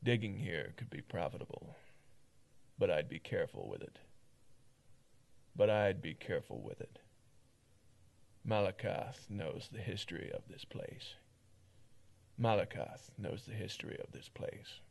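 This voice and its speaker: A man voicing a gruff, dismissive middle-aged miner in a game, talking bluntly and loudly. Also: low-pitched, sing-song, measured pace, long pauses, heavily acted. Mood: musing. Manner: blunt, loud and scornful.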